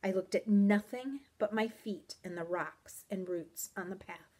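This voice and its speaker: A woman teacher reading a chapter book aloud to her students with measured, expressive delivery. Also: medium pitch. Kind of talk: storybook read-aloud.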